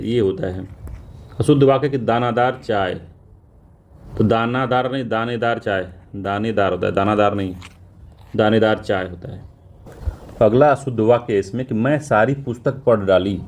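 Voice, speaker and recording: A man teaching an exam revision lesson, reading out wrong sentences and then repeating the corrected form slowly. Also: medium pitch, dark tone.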